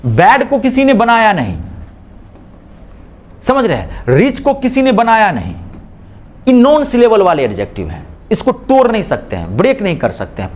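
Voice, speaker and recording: A man teaching a classroom English grammar lecture, drilling students with repeated questions and slipping English phrases into his explanations. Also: sits high. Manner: mixes spoken English phrases into Hindi explanations.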